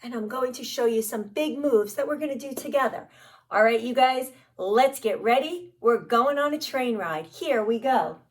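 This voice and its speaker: High-voiced woman, kids show host. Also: moderate pace. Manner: kids show host talk, directing children with simple repeated instructions; animated, encouraging address to young children. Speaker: children's story time host. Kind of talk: interactive children's story time presentation.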